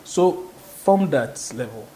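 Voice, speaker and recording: Male interviewer, mellow warm voice, lots of mm and okay, faint hum behind. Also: fairly high pitch, animated, slow pace, rough recording. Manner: attentive, frequent backchannel murmurs. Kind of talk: interview conversation.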